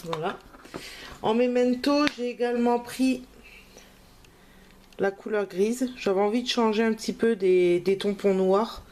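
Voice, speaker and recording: A woman's voice: fairly high pitch, measured pace, pauses often, warm tone, a little hiss or hum. A woman crafting vlogger, talking in a casual, hesitant way with many fillers as she shows her purchases. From France. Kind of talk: casual haul video.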